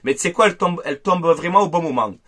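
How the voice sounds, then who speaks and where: A man hosting a casual football debrief, angry and animated, repeating himself and talking straight to his viewers. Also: a little high, fast talker. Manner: angry, animated and repetitive, addressing viewers directly. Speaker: football fan video host.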